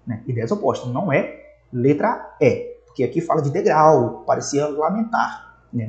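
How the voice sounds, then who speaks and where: A man's voice: fairly high pitch, darkish tone. A man from Brazil giving an exam-prep lesson and explaining each answer, often checking in with his listeners. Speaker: teacher. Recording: echoey room.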